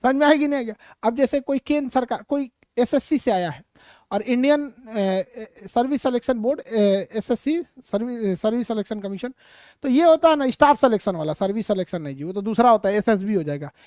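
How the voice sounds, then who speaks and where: A woman's voice: a little high, lively intonation, a little fast, a little mellow, dry recording, studio quality. A woman giving a classroom lecture to live students. She asks rhetorical questions and answers them herself, and breaks off to tease and scold students. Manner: teasing, scolding asides to students. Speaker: teacher.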